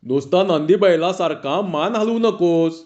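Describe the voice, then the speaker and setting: Casual: bossy village foreman telling a guy off, a man reading it, slow and a bit high. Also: lively intonation, a little mellow, muffled recording. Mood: warning.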